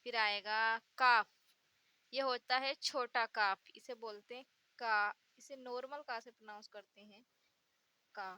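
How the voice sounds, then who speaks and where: Slow, bright-voiced woman teaching letters. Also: a little high, fairly even intonation, smooth, dry recording. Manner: patient, repeats each letter sound with examples. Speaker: Urdu teacher. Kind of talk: slow letter-by-letter pronunciation lesson.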